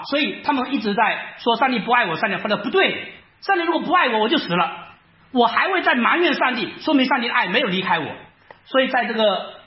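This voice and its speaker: A man preaching a sermon, animated, asking rhetorical questions and acting out his listeners' doubts. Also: very high-pitched. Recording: echoey room, slightly dull sound.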